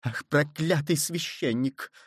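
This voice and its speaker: A man's voice: fairly high pitch, slow pace, slightly rough, no room sound, clean studio sound. Give me a commanding, imperious queen, read by a man. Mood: bitter.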